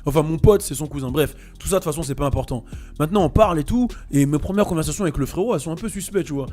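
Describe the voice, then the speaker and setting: A man tells a story among friends, quick and full of swings in pitch as he acts out what others said. His voice sits high for a man. Soft music plays underneath. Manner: animated, acts out quoted voices.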